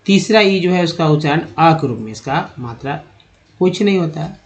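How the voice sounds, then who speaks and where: A man giving a spoken lesson on English spelling and pronunciation, who keeps asking rhetorical questions and answering them, and who repeats the sounds slowly. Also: on the high side, animated. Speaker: English teacher. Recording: dull lo-fi recording.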